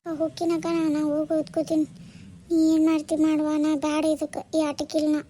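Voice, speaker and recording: A woman voicing an obedient, sensible daughter in a cartoon, speaking quick, pleading North Karnataka Kannada. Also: sits high, monotone, mellow, slight background noise, lightly acted. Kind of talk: cartoon voice acting.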